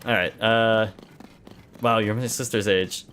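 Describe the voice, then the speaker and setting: Man, 30s, game streamer, lowish voice, rambling, muttering, swears, faint background hiss. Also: a little slow. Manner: relaxed, rambling, muttering to himself, laughing and swearing. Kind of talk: casual livestream chat while playing.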